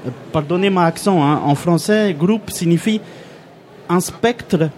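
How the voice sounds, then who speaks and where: A man's voice: sits high, a little slow, darkish tone, a little hiss or hum. A man voicing a cheerful, naive male refugee from a made-up Balkan country, with a put-on foreign accent and broken French grammar in a comic radio sketch. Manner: broken French, dropped verbs and articles.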